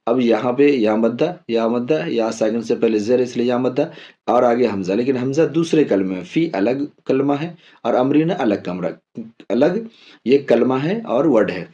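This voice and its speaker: A man's voice: medium pitch, expressive, warm tone, muffled recording. Patient man teaching Quran reading. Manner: patient, spells out letters slowly and repeats drills. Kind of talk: step-by-step Quran lesson.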